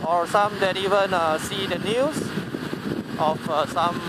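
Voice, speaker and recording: A man talking casually while riding a motorcycle on a highway, rambling with many fillers and restarts and the odd swear word, into a helmet mic. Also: steady tone, a little slow. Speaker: motovlogger. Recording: loud road and wind noise. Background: loud road and engine noise.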